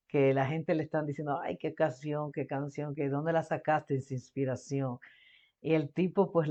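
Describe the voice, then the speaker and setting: A woman's voice: sits low, a little mellow, muffled recording. A woman hosting a reaction video, chatting casually and switching between Spanish and English as she thinks aloud. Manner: chatty, restarts and repeats words while thinking aloud.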